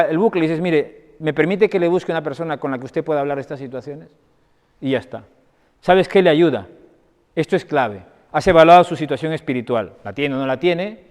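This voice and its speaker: Man, doctor, conference talk, conversational and anecdotal, fairly high voice, long hall reverb. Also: a little mellow. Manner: conversational, anecdotal, often asks the audience for agreement. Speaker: doctor giving a lecture. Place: parish hall.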